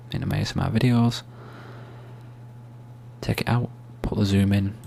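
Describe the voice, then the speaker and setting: A soft-spoken man giving an ASMR-style screen tutorial, explaining steps in a hushed, unhurried, informal way. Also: on the low side, creaky. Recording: faint hum and background noise.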